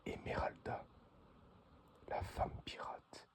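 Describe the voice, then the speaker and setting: Male ASMR unboxing host: breathy whisper right in the ear, extremely slow delivery. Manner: slow, halting short phrases.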